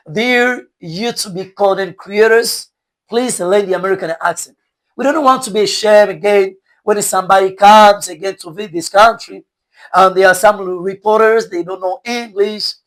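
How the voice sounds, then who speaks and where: A man's voice: high voice, fairly bright tone, low-quality recording. Earnest Rwandan man urging his viewers on. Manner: earnest, exhorting, repetitive. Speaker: English teacher and online content creator. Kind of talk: direct-address lecture to viewers.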